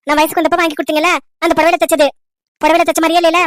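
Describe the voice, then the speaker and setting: A woman's voice: extremely high pitch, level tone, racing, no echo, clean studio sound. A woman doing a chatty young village girl. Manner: chatty, coaxing.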